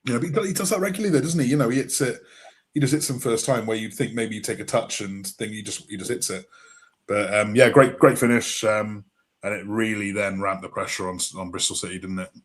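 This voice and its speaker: A man's voice: on the low side, quick pace. A man co-hosting a casual football podcast, a referee himself, talking things through with many fillers and tag questions. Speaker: co-host, referee.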